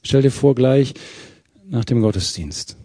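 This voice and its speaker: Ein Mann, der lebhaft predigt, einen Bibeltext Vers für Vers auslegt und der Gemeinde Fragen stellt. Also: male voice, medium pitch, unhurried, husky, no echo, clean studio sound. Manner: lively preaching, verse by verse, with questions to the congregation. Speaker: preacher. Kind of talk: sermon.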